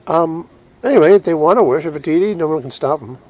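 A man giving an informal devotional lecture as a religious teacher, short of breath and halting, with restarts. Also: on the high side, animated, warm tone, rough recording.

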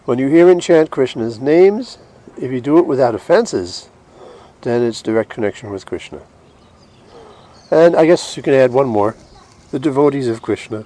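A man giving an informal devotional lecture as a religious teacher, short of breath and halting, with restarts. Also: mid-range voice, expressive, mellow.

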